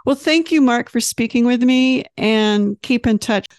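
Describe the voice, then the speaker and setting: A woman's voice: fairly high pitch, a little slow, a little mellow, dry recording, clean studio sound. A woman from Detroit interviewing a musician in a casual, encouraging way, with frequent murmured back-channel responses. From Detroit, United States.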